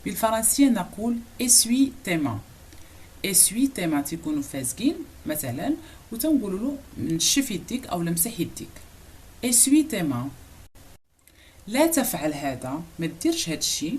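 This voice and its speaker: A woman with a Moroccan accent teaching French phrases, saying each one slowly and repeating it before a quick explanation. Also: on the low side, sing-song, darkish tone. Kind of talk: language lesson explaining phrases.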